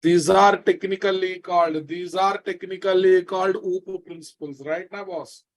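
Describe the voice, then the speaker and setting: A man's voice: sits high, fairly even intonation, normal speed. A man with a Telugu Indian accent giving a live programming lecture, repeating phrases and checking on his students with familiar, prodding questions. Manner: repetitive, questioning, scolding familiar address to students. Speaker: programming teacher.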